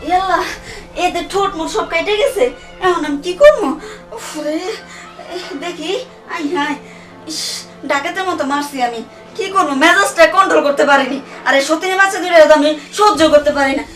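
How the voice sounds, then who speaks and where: A woman acting as a scheming, quick-tempered stepmother, very high and bright, fretting to herself and snapping back defensively. She sounds a little away from the mic in an echoey room, with music underneath. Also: recorded from a distance. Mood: fretful. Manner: fretful muttering to herself, then loud and defensive. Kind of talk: amateur short-film acting.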